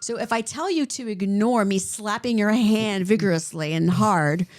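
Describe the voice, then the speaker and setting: A woman with a medium-pitched voice speaks at normal speed in a clean studio with no echo. She's a clinician co-hosting a podcast, explaining things conversationally and animatedly, often repeating points and checking in with "right?".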